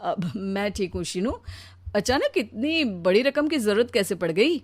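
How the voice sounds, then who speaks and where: A woman's voice: mid-range voice, big pitch swings, a little slow. A woman voicing a weary, pleading husband worn down by his burdens in a dramatised story. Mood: measured. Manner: pleading, exasperated. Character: weary, overburdened husband, anguished office worker. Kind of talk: dramatised Hindi audio story.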